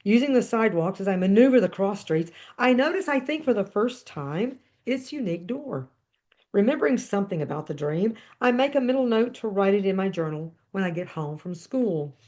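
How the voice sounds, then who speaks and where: Woman reading a story aloud, measured. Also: mid-range voice, lively intonation, a little mellow. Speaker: podcast host. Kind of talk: reading her book aloud with brief commentary.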